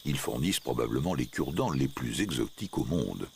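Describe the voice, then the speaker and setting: A man's voice: very deep voice, lively intonation, fairly quick, vocal fry, a little hiss or hum. A man reading scripted narration for a nature documentary.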